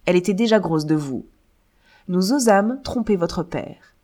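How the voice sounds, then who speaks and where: A woman's voice: lowish voice, expressive, a little slow, dark tone. A woman voicing an impoverished older man who insists he is the listener's father, in a read-aloud novel. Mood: confessional.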